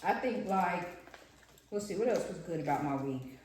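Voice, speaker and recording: A woman's voice: on the low side, lively intonation, normal speed, a little mellow. A young pregnant woman chatting casually to her viewers while eating, often calling them y'all. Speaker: vlog co-host. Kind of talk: casual chat over a meal. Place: restaurant table, indoors. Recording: very echoey room, faint noise.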